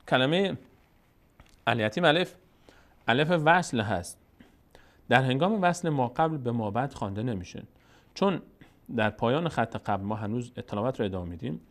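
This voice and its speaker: A man with an Afghan Dari accent teaching how to read Quranic letters, patiently repeating syllables slowly and drawing them out. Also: medium pitch, lively intonation. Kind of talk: slow step-by-step recitation lesson.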